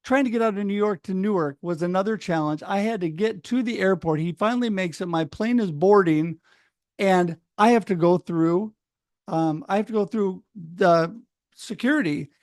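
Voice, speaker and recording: A middle-aged man from Oregon, telling a personal story in a casual, animated way on a video call and acting out what other people said. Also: high-pitched, moderate pace, no echo, studio quality. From Oregon, United States. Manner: animated, acts out other people's words, laughs often. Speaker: speaker sharing his story.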